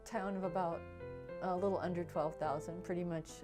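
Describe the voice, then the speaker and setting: A woman's voice: lowish voice, steady tone, fairly quick, over music. A woman from Wisconsin who runs a nonprofit, explaining things steadily in a documentary interview. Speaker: nonprofit executive director.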